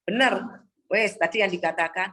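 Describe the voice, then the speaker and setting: A woman's voice: mid-range voice, normal speed, pushed and bright. A woman preaching an exhorting sermon to a congregation on a video call, often calling the listeners "Saudara".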